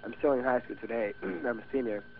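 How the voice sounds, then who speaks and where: A man's voice: mid-range voice, steady tone, brisk. Teen man with Venezuelan Spanish accent, tinny audio. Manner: hesitant, many restarts, chatty. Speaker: guest actor. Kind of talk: casual interview. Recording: tinny phone-like radio audio with faint hiss.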